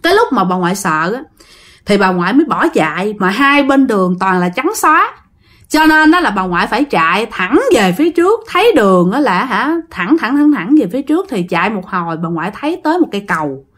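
A woman's voice: mid-range voice, very animated, a little fast, a bit bright. A woman telling a ghost story casually to her listeners, emphatic and repetitive.

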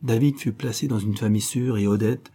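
A man reading a novel aloud as the narrator, in a steady, measured way. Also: on the low side, husky. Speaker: audiobook narrator. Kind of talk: scripted narration.

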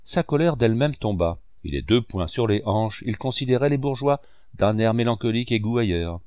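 Low-voiced man reading a novel. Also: clear, resonant tone, no room sound. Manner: measured, expressive literary reading. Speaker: narrator. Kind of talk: audiobook reading of a classic novel.

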